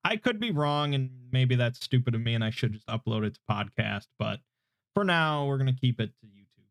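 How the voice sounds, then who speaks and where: A thirty-year-old man answers viewer questions in a casual, hesitant, self-deprecating chat, his mid-range voice animated, fairly quick and relaxing. He's on a desk microphone without his usual equalizer, so it sounds slightly muffled, with no room sound.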